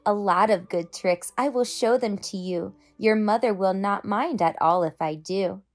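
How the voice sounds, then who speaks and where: A woman's voice: medium pitch, unhurried, darkish tone, soft background music, lightly acted. A woman voicing a playful, boastful, mischievous male cat from a storybook, in a showy, coaxing sing-song.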